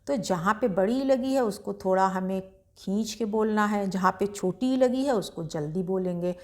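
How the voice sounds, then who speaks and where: A woman teaching beginners to read Hindi, sounding each word out slowly before explaining it briskly. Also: medium pitch, a little mellow. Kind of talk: slow syllable-by-syllable reading lesson.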